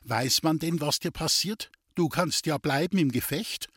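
Village priest, voiced by a man, measured, reproachful, husky. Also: on the high side, fairly bright tone, no room sound. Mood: admonishing. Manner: admonishing, measured.

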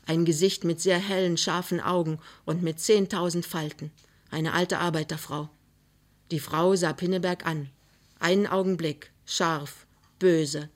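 A woman narrating a novel for radio in a measured, expressive way. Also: on the low side. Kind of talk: literary reading for radio.

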